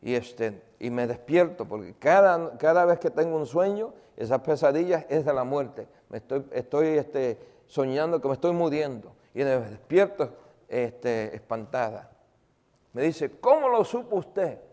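A man's voice: medium pitch, animated, a little slow, darkish tone, big-room sound. A man, a pastor, preaching a conversational sermon, telling a story and asking the congregation questions, with many fillers.

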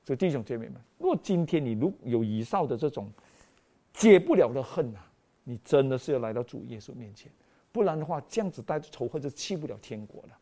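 A preacher giving an animated sermon in an exclamatory style, full of rhetorical questions put to the congregation. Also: medium pitch, fast.

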